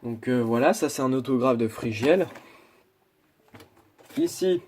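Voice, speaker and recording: A man's voice: medium pitch, brisk, background noise. A man chatting casually through an unboxing video, talking in a hesitant way with many restarts and asides. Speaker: YouTuber.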